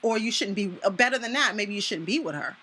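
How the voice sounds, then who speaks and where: A woman hosting a casual talk show, blunt and opinionated, speaking in an animated way. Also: mid-range voice, quick pace, slightly rough. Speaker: podcast host. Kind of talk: casual chat.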